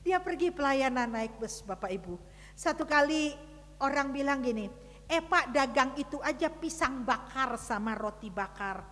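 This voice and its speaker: High, bright-voiced woman preaching in a church. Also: expressive, moderate pace, big-room sound. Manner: dramatic storytelling with big swings in loudness; addresses the congregation directly. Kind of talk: sermon. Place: church service.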